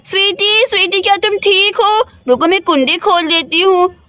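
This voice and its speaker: A mischievous young girl, as a woman puts her on, teasing and mocking in a very high, bright voice. Her lines come quick and playful. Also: fairly even intonation, no room sound. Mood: worried.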